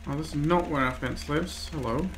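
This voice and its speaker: Creaky-voiced man musing over a game. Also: on the high side, normal speed, fairly bright tone, soft background music, low-quality recording. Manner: musing aloud. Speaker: let's play host. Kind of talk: casual game commentary. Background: faint game ambience.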